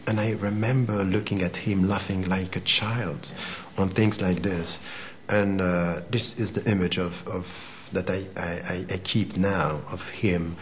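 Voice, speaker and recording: This interview guest speaks in a low-pitched voice over slight background noise. In his forties, he's from Switzerland and grew up speaking Arabic, and his answers come out hesitant and considered, with frequent repeated words.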